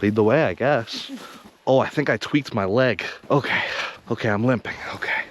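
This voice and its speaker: A man's voice: mid-range voice, moderate pace, a little hiss or hum. A man chatting upbeat to a handheld camera as he narrates a hike on an outdoor trail. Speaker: vlogger and hiking guide. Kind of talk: casual trail vlog narration.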